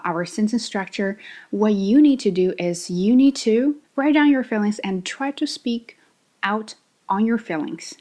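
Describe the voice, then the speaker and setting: A woman hosting a podcast English lesson. She coaches the listener directly and shows intonation with big swings in pitch and loudness.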